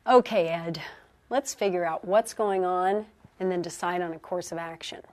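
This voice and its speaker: An actress playing a senior female physician who speaks in a calm, concerned, directive way. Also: lowish voice, normal speed, close to an everyday voice. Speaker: supervising physician.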